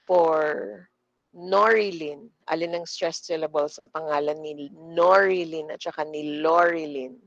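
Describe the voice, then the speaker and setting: A woman with a Filipino accent teaching a speaking lesson, slowly modeling pronunciation for her class to repeat. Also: sits low, fairly even intonation, dry recording, highs cut off. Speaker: corporate trainer.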